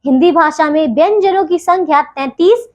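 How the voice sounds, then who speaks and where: A woman teaching a grammar lesson to children, patient, spelling sounds out slowly and checking in with them often. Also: very high-pitched, darkish tone, dull audio.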